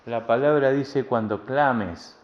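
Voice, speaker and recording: A male pastor with a Rioplatense Spanish accent preaches a sermon in a plain, conversational way, his voice mid-range and slow. He often repeats phrases. The recording is dull and lo-fi, with faint ambience.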